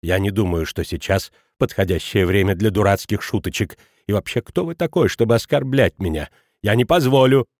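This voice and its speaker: A prickly school director, voiced by a male reader speaks low and cold, stiff with offence. The sound is dry and close. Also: normal speed, a little mellow, dry recording.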